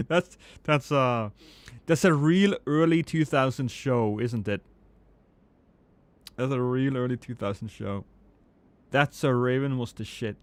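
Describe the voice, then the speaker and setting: A man in his thirties chats casually with live-stream viewers, rambling, swearing and joking at his own expense. He speaks slowly and pauses often, swinging between loud excited bursts and low mumbles. The recording is dry.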